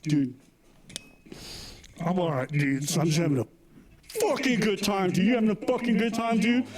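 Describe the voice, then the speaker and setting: A man's voice: high voice, lively intonation, moderate pace, slight background noise. A man mimicking a slurring drunk frat bro. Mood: rowdy. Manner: slurring, every phrase ends in "dude". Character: drunk, belligerent young frat-boy man.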